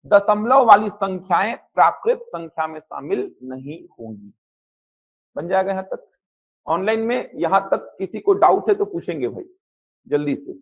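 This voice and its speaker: A man with a high voice teaches a live math class. He keeps the students engaged with repeated questions and short answers. The sound is slightly muffled, like lo-fi classroom audio. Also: animated. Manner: drills students with rapid question-and-answer, repeating key points. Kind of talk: live coaching class lecture. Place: classroom with students and online viewers.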